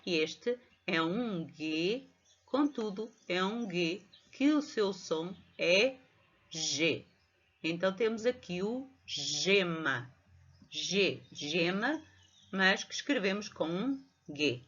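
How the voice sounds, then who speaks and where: A woman's voice: fairly low pitch, animated, takes it slowly, a bit bright, slightly rough. A middle-aged woman with a European Portuguese accent teaching a reading lesson to young children, patiently spelling out syllables. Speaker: primary school teacher. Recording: dull lo-fi home recording.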